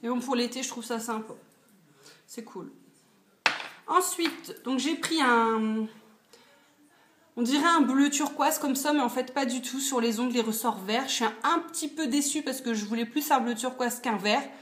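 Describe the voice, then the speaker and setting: A woman's voice: on the high side, normal speed, a bit bright. Chatty young woman in an echoey room. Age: 20s. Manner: chatty, many fillers. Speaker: beauty vlogger. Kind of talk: casual haul video. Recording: echoey room, faint noise.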